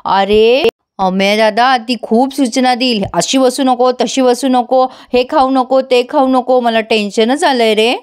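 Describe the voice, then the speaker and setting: A woman's voice: fairly high pitch, steady tone, a little slow, clean tone, natural voice. A woman doing an anxious, whiny young woman.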